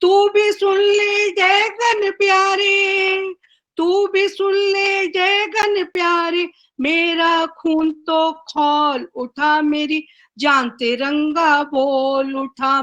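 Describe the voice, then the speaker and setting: A high-pitched woman reciting poetry at a very slow, drawn-out pace. She chants her verse in a sing-song way and repeats each line. She sounds like she is on a video call. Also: level tone, a bit bright. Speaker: guest poet.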